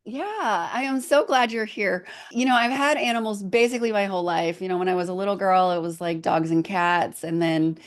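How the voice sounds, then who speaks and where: A woman hosts a casual podcast interview, her talk emotional and choked up. Her voice sits at an ordinary middle pitch. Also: brisk, hardly any pauses. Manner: warm, emotional, gets choked up. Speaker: podcast host. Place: farm.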